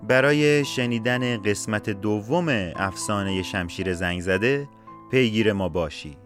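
A man narrating a folk tale in a casual, colloquial podcast style, with asides to the listener. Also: on the low side. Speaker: storyteller and podcast host. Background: faint music.

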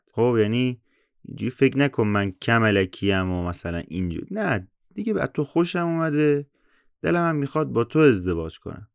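A man's voice: medium pitch, smooth, dry recording, clean studio sound. Man telling a folk tale with joking asides. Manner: switches between a bookish reading and slangy joking comments. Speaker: storyteller.

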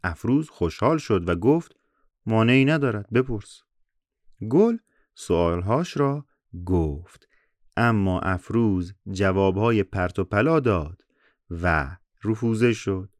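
A man's voice: low-pitched, lively intonation, no echo, clean studio sound. Man telling a folk tale with joking asides. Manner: switches between a bookish reading and slangy joking comments. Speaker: storyteller.

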